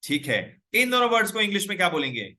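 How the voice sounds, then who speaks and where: A man's voice: high-pitched, very animated, quick pace, sharp tone. A young man teaching English in a live online class, coaxing students to speak up and reading out their names and comments. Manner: reads out viewers' names and comments.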